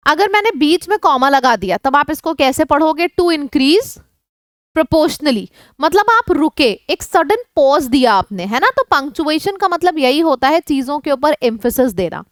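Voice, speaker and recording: Indian woman, high pitched, vocabulary tutor for exam prep, mixes Hindi and English, dry close recording. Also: no room sound. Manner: lively, asks the class questions and repeats synonyms in lists; switches between Hindi and English. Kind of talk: online class explaining English words in Hindi.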